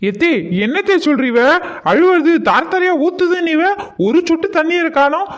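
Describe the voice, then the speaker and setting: A woman acting in a village family comedy skit, lively and quick, with a scolding edge. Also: very high voice. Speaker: comedy sketch performer.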